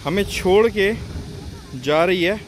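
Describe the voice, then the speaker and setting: A man chats his way through a travel vlog, pointing out sights to his viewers. His voice sits a little higher than usual for a man. He is recorded outdoors on camera, with clear background noise under him. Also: takes it slowly. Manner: chatty, points out the views to viewers. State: short of breath while hiking. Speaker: travel vlogger. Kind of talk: casual travel vlog narration. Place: outdoors on a mountain, then a hilltop restaurant.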